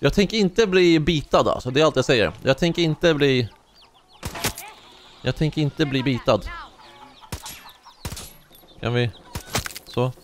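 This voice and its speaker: Young male let's-play host, chatty, slangy, excitable storyteller, medium voice. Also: mid-range voice, long pauses, a little hiss or hum. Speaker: gaming YouTuber. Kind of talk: casual let's-play commentary.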